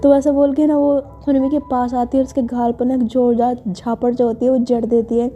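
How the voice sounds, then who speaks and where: A woman's voice: a little high, level tone, fairly quick, mellow. A woman narrating a love story in a chatty, casual way, full of fillers. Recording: dull lo-fi with faint music.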